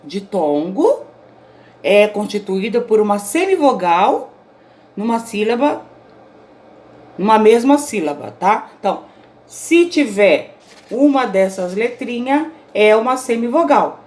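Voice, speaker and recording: A woman's voice: fairly high pitch, lively intonation, unhurried, a little mellow. A woman teacher recording her own online grammar lesson, explaining patiently and checking in with her students often. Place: indoors, self-recorded at home.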